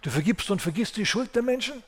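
Guy doing jonah the whiny prophet, high shrill voice, kinda nagging and complaining. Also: lively intonation, fast talker. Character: whining, sulking male prophet Jonah.

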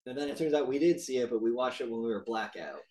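A man's voice: mid-range voice, quick pace, a little mellow. A young man co-hosting a podcast, chatting casually and joking around with a friend, swearing freely. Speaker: podcast co-host. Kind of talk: casual chat.

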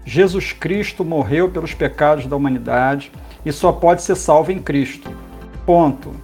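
A man, a pastor, calmly explaining theology in a podcast conversation, pausing often with fillers. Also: a little high, soft background music. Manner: explanatory, measured, with many fillers.

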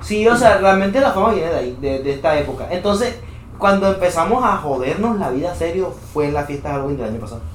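Fast-talking joking host, echoey room. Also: male voice, on the high side, expressive. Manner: quick, joking, steers the show. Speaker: podcast host. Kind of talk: casual chat. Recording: echoey room with faint noise.

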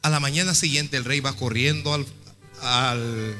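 A man preaching a sermon, retelling a story dramatically and swinging between hushed and shouted lines. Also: mid-range voice, fairly even intonation, a little slow. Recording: long hall reverb with music.

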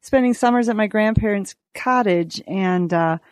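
A woman's voice: medium pitch, normal speed, no room sound, clean studio sound. A woman from the Green Bay area of the United States, an outdoorswoman speaking casually as an interview guest. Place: small lakeside cabin, indoors.

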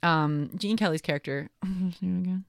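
Woman co-host with a low voice. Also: moderate pace, gravelly, clean tone, no echo, studio quality. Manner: acts out characters' lines while recapping. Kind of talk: casual chat recapping a film.

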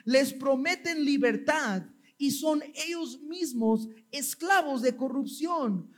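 A man's voice: extremely high pitch, slow. A man preaching as a pastor, telling a Bible story in a conversational way, often tacking on short questions, and reading scripture aloud. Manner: conversational, frequent tag questions. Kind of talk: sermon.

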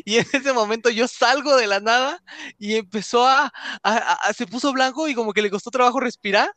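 A young man with a Mexican accent telling a funny story in casual chat, animated, often laughing and acting out what he said. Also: very high-pitched, a little fast, no room sound. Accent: Mexican Spanish. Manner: animated, laughs often, acts out his own lines.

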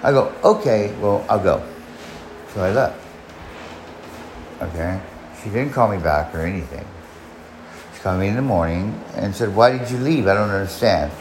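A man's voice: low voice, animated, moderate pace, pauses often. A man in his forties telling a long personal story on his podcast, rambling and swearing, with many restarts. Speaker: podcast host. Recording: echoey room, faint background noise.

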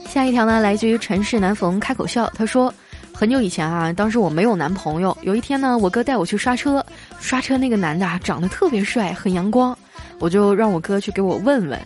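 A woman hosting a comedy show, reading out listener jokes in a lively storytelling way and chuckling through the punchlines. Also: mid-range voice, brisk, soft background music. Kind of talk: comic storytelling.

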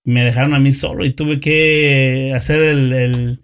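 A man's voice: medium pitch, fairly even intonation, a little slow, clear, resonant tone. A man with a Mexican accent chatting casually, telling a story with slang and lots of fillers. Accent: Mexican Spanish. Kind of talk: casual chat.

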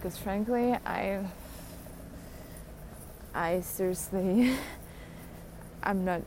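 A woman's voice: medium pitch, drawn-out words, darkish tone, slight background noise. A young adult woman hosting a podcast, rambling through a casual solo rant, mocking herself and laughing often. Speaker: podcast host.

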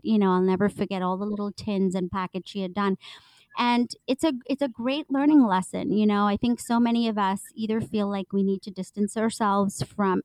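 A woman's voice: mid-range voice, no echo, rough recording. A middle-aged woman from India, telling her story in a reflective, casual conversation with fillers. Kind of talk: casual chat.

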